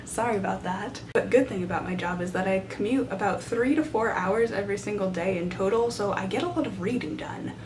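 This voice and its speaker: A young adult woman talks fairly quickly with few pauses, chatting casually and enthusiastically to a handheld camera at arm's length as a book vlogger. She's indoors in a small side room of a library, and the room is noisy with a low rumble.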